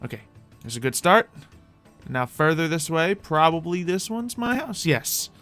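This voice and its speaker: This Minecraft roleplay host sounds very animated, his fairly high, fairly bright voice moving at a measured pace. Music plays behind his casual, rambling commentary to viewers, in which he keeps repeating his own phrases.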